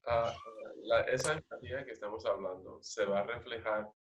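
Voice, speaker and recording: Male agile coach, slow, questioning delivery, low voice, roomy and dull call audio. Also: fairly even intonation, a little hiss or hum. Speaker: agile trainer. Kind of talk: interactive training session.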